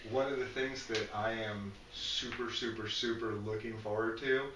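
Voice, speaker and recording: A man's voice: on the low side, normal speed, roomy sound, far from the mic, a crowd in the background, poor audio. A man co-hosting a casual fan discussion, talking with feeling, tripping over and repeating his words. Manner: animated, emotional, stumbles and repeats words. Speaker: podcast co-host.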